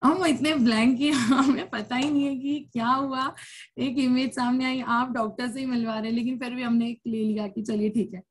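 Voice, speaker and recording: A woman in her thirties from India shares her own story before a seated audience at a support circle. Her voice sits somewhat high, and she tells it candidly and chattily, with laughs breaking in often. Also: steady tone, moderate pace. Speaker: cancer survivor sharing her story. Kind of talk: personal testimony at a support circle.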